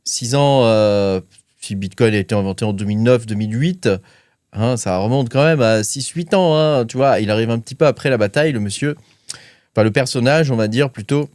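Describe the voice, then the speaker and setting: A man's voice: mid-range voice, a little fast, darkish tone, no echo, studio quality. A man hosting a crypto channel, talking casually with lots of fillers and hesitations while reading his notes. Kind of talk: casual commentary to camera.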